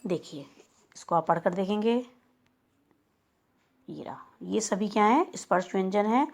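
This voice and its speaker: Woman, school teacher, recorded lesson for children, patient, sounds out examples, middle pitch. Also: a little mellow. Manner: slow, explanatory, spelling out sounds.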